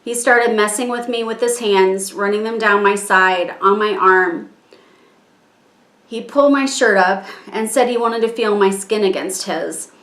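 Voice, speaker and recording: A woman reading her own written statement aloud in a measured, halting way, strained and struggling to keep her composure. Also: medium pitch, fairly bright tone. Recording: echoey room.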